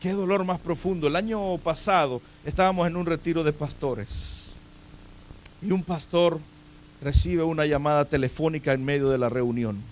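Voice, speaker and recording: A man's voice: a little high, fairly even intonation, moderate pace, slight background noise. A man preaching a sermon in a church, speaking emphatically and putting direct questions to his congregation. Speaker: pastor. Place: church sanctuary.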